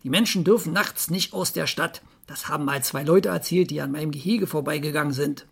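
A storyteller voicing a confident zoo tiger who knows the way, in a raised, emphatic, slow voice that is creaky and husky. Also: mid-range voice. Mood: bossy.

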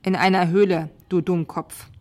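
A woman reading a story aloud and voicing a mocking male ghost knight who speaks low and slow from a dark cave. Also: flat delivery, natural voice.

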